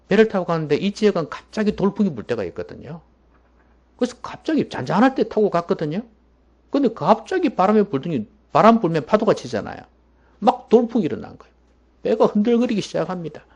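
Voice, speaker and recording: A man preaching a sermon as pastor in a church, emphatic and at times dropping to a hushed voice. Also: on the high side, highs cut off.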